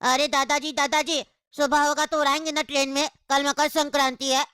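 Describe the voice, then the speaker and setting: A woman's voice: high-pitched, flat delivery, fairly quick, fairly bright tone. A woman voicing a stubborn little boy who pleads and whines in a cartoon comedy. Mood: pleading. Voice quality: whiny, pleading.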